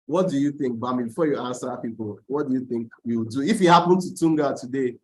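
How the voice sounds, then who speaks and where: A man with a middle-pitched voice facilitates an online training session. He talks conversationally and keeps putting probing questions to the group. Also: fast talker, slight background noise. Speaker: workshop facilitator.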